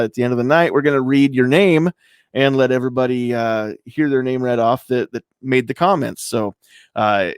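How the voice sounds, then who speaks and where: Smooth-voiced man hosting a live podcast. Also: medium pitch, no echo, clean studio sound. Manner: loose and rambling, many fillers. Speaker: podcast host. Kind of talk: casual live-stream chat. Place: home studio room.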